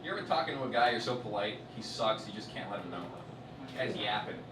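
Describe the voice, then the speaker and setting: Profane stand-up comic in a roomy hall. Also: male voice, animated, quick pace, background noise. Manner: profane, swings between loud outbursts and low muttered asides. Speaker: stand-up comedian. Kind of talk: stand-up comedy set. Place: comedy festival stage in a large venue. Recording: roomy hall, distant mic, loud audience.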